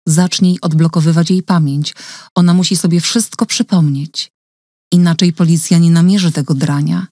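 Woman reading a gentle soothing carer. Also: lowish voice, normal speed, no room sound, studio quality, natural voice. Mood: calm. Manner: soft, calm, reassuring. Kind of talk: audiobook reading.

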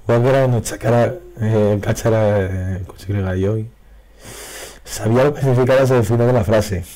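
Man, hoarse, losing his voice, excitable card game commentary. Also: fairly low pitch, moderate pace. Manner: excitable, reacts loudly to pulls. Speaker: card game video creator. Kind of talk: casual pack-opening commentary. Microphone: faulty broken microphone.

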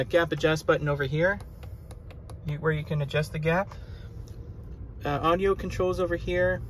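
A man's voice: a little high, slight background noise. A man giving a casual car walkaround, talking in a plain, easygoing show-and-tell way with frequent fillers. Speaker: car reviewer. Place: around and inside a parked car.

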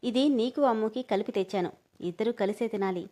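A woman's voice: medium pitch, fairly quick, dark tone, natural voice. A woman voicing an affectionate middle-aged father who coaxes and corrects his children firmly. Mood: coaxing. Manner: firm, coaxing.

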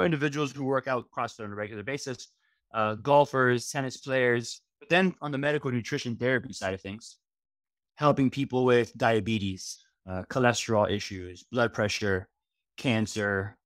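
Wearing a headset on a video call from his home, an easygoing middle-aged man from Miami chats casually as a guest in an interview. He's a registered dietitian with a mid-range voice, recorded dry and close, who wanders through long lists and leans on fillers.

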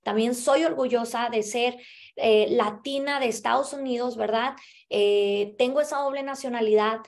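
A young woman from the US-Mexico border with a Mexican Spanish accent, telling her life story to the camera in an animated way, tagging her sentences with questions to the listener. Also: fairly high pitch, normal speed, creaky. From US-Mexico border (El Paso, Texas). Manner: animated, gesturing with both hands, many filler tags like "¿verdad?". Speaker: motivational speaker. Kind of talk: personal story talk to camera. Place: small indoor room.

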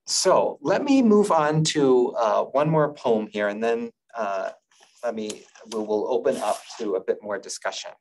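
A middle-aged man giving a lecture over slides on a video call, in a measured, thoughtful way with frequent filler sounds. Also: mid-range voice, lively intonation, a little mellow, far from the mic, low-quality recording. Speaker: lecturer on Buddhist poetry.

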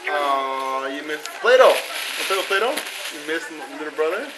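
A man's voice: on the high side, animated, moderate pace, very noisy. A man talking casually to the camera as a family vlogger, chatty and friendly, speaking straight to his viewers. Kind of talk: casual vlog talk to camera.

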